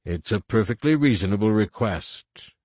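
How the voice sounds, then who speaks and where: A man's voice: on the low side, animated, normal speed, darkish tone, no echo, clean studio sound, voice pushed up. A man voicing a formal, pompous male general who blusters under pressure. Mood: stiff.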